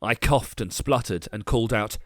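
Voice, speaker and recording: A man narrating a dark first-person story with measured, grim delivery. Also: lowish voice, lively intonation, dry recording, clean studio sound.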